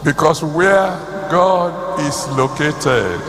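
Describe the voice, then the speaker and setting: A man with a Nigerian accent preaching a sermon to a congregation, phrasing deliberately and repeating words for emphasis. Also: a little high, expressive. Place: large hall, church service. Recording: echoey hall, loud background noise.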